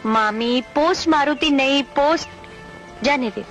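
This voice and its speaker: A woman's voice: high voice, measured pace, a bit bright, soft background music. An actress playing a patient young village woman who soothes and explains things in a dubbed film. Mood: explaining.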